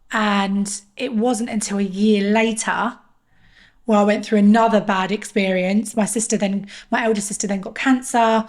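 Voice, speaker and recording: A woman in her thirties, a podcast guest telling a personal story in an earnest, emotional way, often halting and restarting. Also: medium pitch.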